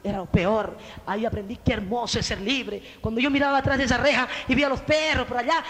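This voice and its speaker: High, bright-voiced fervent male preacher. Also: big-room sound. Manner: fervent, repeatedly addresses the listener as brother. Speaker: preacher giving his testimony. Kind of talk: impassioned religious testimony.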